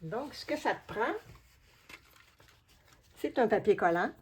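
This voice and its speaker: A collage artist who hosts craft videos speaks with a Québécois French accent in a medium-pitched, animated, slow voice with a breathy edge. She chats familiarly with the viewer, explaining each step as she works through the craft.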